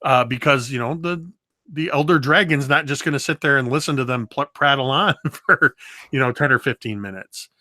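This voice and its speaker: A man guesting on an interview, telling game-table stories in a lively, animated way. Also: mid-range voice, normal speed, no echo, clean studio sound. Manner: lively storyteller, does voices and moves around. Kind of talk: casual interview talk.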